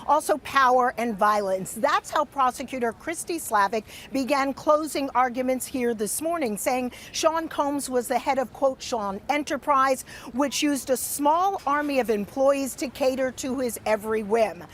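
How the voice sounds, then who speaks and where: A high-pitched American woman delivers a live TV news report in a measured, deliberate way. She speaks as a field reporter, with faint street noise behind her. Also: fairly bright tone.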